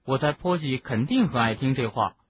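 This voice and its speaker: A man reading an audiobook, voicing a gossipy, indignant teenage boy wizard in a husky voice. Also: mid-range voice, animated, moderate pace. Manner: chatty, explaining at length. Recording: narrow phone-like lo-fi sound.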